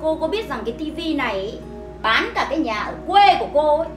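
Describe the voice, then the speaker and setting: A haughty, wealthy older mother-in-law in a web drama. Her high voice leaps about and turns shrill and contemptuous when she shouts. Music runs under the scene. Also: sing-song, fast talker, echoey room. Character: arrogant rich older mother-in-law, scornful.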